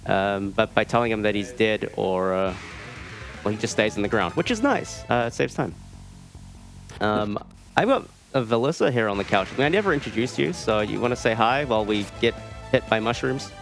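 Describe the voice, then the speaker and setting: A New Zealand speedrunner with a lowish, gravelly voice presents a live run at a speedrunning marathon event. He speaks at normal speed, joking dryly and casually over the game music.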